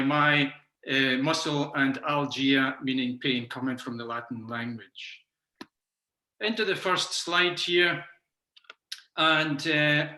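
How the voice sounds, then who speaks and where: This macrobiotics teacher, a man in his sixties with a Scottish accent, delivers an online talk via video call with frequent ums and uhs. His voice is a little high, pushed and bright, and the room echoes noticeably.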